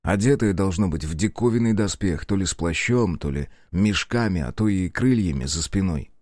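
A man narrating an audiobook in a measured, even storytelling manner. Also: low-pitched, no echo, clean studio sound. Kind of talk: scripted narration.

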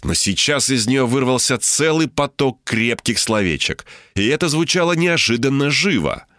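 A man's voice: medium pitch, fairly bright tone, no room sound, clean studio sound. Dramatic male audiobook narrator. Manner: dramatic, tense storytelling. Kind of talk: first-person audiobook narration.

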